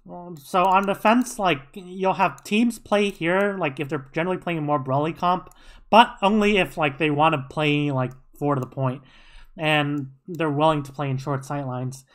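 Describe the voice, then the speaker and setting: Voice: medium pitch, moderate pace. An analyst casually breaking down team tactics over a match broadcast, thinking aloud with many fillers and restarts. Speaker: co-streaming analyst.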